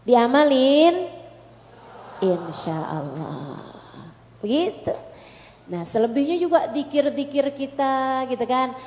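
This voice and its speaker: High-voiced woman preaching in an echoey hall. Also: expressive, slow, long pauses, a little mellow, a little hiss or hum. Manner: conversational, acts out heartfelt prayers. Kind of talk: Islamic sermon to women. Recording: echoey hall with long reverb.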